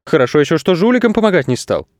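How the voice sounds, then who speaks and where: A man's voice: a little high, sing-song, very fast, dry recording, clean studio sound, pitched above the performer's own voice. A man voicing gossipy wooden carousel horses in a children's story. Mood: disappointed.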